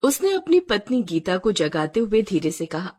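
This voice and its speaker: Storybook narrator, female: breathy, animated delivery. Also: medium pitch, moderate pace. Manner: dramatic, expressive.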